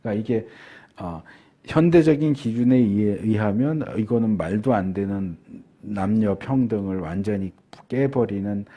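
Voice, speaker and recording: A middle-aged male pastor delivering a sermon, unhurried, with frequent filler pauses and slowed words for emphasis. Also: on the low side, dark tone, breathy edge.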